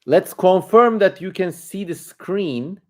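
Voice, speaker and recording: A man's voice: high voice, animated, slow pace. A man with a Turkish accent hosting a livestream, giving casual commentary in an informal, rambling way as he thinks aloud. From Turkey. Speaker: livestream host.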